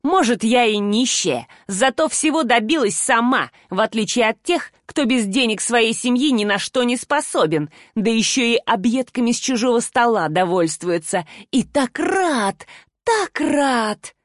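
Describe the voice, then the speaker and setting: Casting: a woman doing a brash, sharp-tongued young woman in an audiobook, higher-pitched, dry close sound. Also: expressive, unhurried, no echo. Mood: taunting. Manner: bold, brash. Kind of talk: audiobook character voice.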